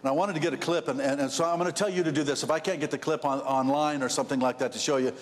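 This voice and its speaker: A fairly high-voiced man preaches a sermon, telling stories that build in excitement while he stumbles and repeats words. His voice rings with the long reverb of a church hall. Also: rapid-fire. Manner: rambling, repeats words, storytelling with rising excitement. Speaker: pastor.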